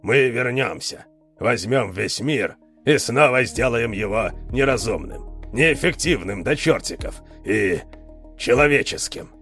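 A man voicing a burly, rough, jovial male islander in a read-aloud story, with a loud, bellowing, boisterous manner. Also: medium pitch, animated, measured pace, faint music behind. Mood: musing.

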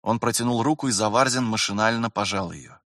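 A man narrating an audiobook in a measured, even storytelling manner. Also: on the low side, dry recording, studio quality. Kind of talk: scripted narration.

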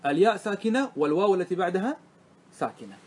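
High-pitched male teacher leading a classroom grammar lesson, patient step-by-step explanations, stretches out key words. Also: sing-song, fast, slightly rough. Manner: explains step by step, often checking understanding with the class.

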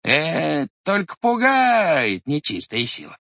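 A man voicing a stubborn old village grandfather who mutters and exclaims gruffly. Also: fairly high pitch, wildly swooping pitch, slow, pushed and bright, dry recording, muffled recording, voice pushed up, exaggerated voice. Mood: gloating.

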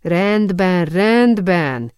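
Playful, impatient young cousin, voiced by a woman; low, warm, dry close recording. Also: lively intonation, no echo. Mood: curious. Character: young woman cousin, lively, teasing and curious.

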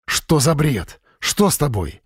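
A man's voice: fairly high pitch, very animated, slow, slightly rough, no echo, clean studio sound, heavily acted. A man voicing an agitated, caring father in his own voice. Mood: worried. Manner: agitated, impatient.

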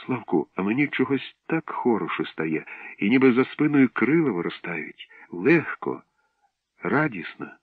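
A man voicing a dreamy, gentle schoolgirl. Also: mid-range voice, big pitch swings, a little slow, dry recording. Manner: dreamy, soft. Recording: dull dry recording.

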